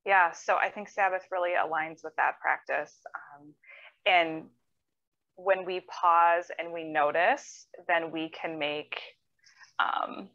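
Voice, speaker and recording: A woman counselor speaking as an interview guest, explaining things in a measured, thoughtful way. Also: fairly low pitch, steady tone, sharp tone, highs cut off. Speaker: mental health counselor.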